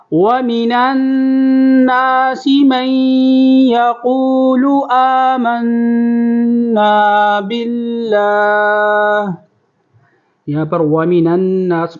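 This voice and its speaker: A man teaching Quran recitation, who recites verses slowly and in a drawn-out way, then explains the pronunciation rules quickly. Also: fairly high pitch, a little mellow, highs cut off. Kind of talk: tajweed lesson, recitation with explanation.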